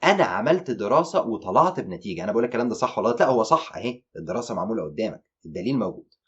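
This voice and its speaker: A man with an Egyptian Arabic accent teaching an online exam-prep lecture, animated and mixing English terms into his explanations. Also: lowish voice, rapid-fire, breathy edge, muffled recording.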